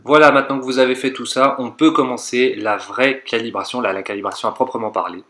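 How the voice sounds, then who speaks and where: A man calmly walking viewers through a technical car procedure step by step, repeating instructions and hedging his own interpretation. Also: mid-range voice, fast. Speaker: car tech tutorial maker. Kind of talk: step-by-step voice-over tutorial.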